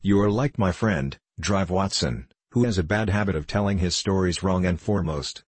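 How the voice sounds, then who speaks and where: Sherlock Holmes, read by a man, measured and lofty. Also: low-pitched, slightly rough, no echo. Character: sharp, bored male detective, lofty and precise.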